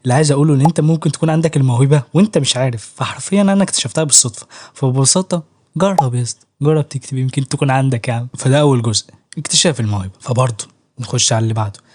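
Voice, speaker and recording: A man's voice: mid-range voice, very fast, darkish tone. A young man with an Egyptian Arabic accent, chatting casually to camera about writing, joking in street slang and laughing often. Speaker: YouTuber giving writing advice.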